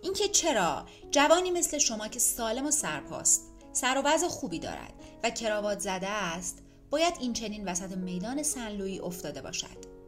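A woman voicing an odd, curious beggar man nicknamed the millionaire, who asks calm, probing questions with a hint of amusement. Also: mid-range voice, faint music behind, close to an everyday voice.

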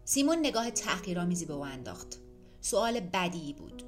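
Woman reading an audiobook, steady, lowish voice, soft music behind. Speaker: narrator. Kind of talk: audiobook narration.

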